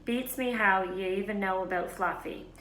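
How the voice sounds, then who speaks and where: A woman's voice: medium pitch, moderate pace, fairly bright tone, echoey room, a little hiss or hum, lightly acted, rough recording. Woman doing Hagrid, a shifty, folksy gamekeeper. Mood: firm, guarded. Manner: furtive, dropped-consonant folksy talk. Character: big, shifty, secretive male gamekeeper, gruffly friendly.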